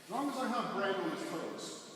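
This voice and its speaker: A man's voice: high voice, big pitch swings, moderate pace, far from the mic. A man teaching a martial arts class, demonstrating techniques with casual explanations and short, clipped instructions. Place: large echoey indoor training hall. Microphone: distant camera microphone. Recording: echoey hall from afar, clear background noise.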